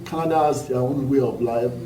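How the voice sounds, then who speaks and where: A man's voice: mid-range voice, a little fast, dark tone. A man with an African accent hosting a conversational panel discussion, often repeating phrases and checking that listeners understand. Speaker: host. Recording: echoey, distant mic, faint noise.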